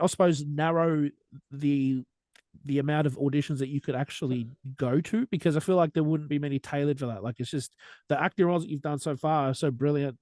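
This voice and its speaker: A man hosts a casual interview, his voice a touch high. He is eager and affirming, dropping in frequent "yeah"s. The sound is dry and close. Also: darkish tone, no echo. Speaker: podcast host.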